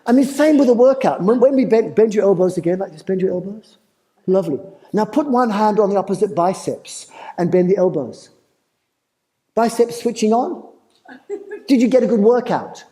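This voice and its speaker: A man's voice: high-pitched, lively intonation, normal speed, warm tone, rough recording. An Australian man giving a playful live talk at a festival, putting questions to the audience. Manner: engaging, asks the crowd questions, playful. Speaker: festival presenter.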